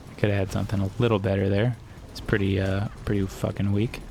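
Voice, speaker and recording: A young man with a low, gravelly voice chats loosely over his gameplay, drifting between jokes and tangents. His crude, offhand humor keeps the commentary loose and rambling, with a faint hiss sitting under the audio. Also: level tone, quick pace, warm tone. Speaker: gaming streamer.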